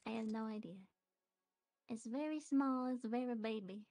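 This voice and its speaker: A woman's voice: a little high, moderate pace, dark tone, lightly acted. A woman putting on a tiny, babyish, cutesy voice, talking with a mushy mouth during a gaming stream. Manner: mushy, lisping baby talk. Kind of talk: livestream gaming chat.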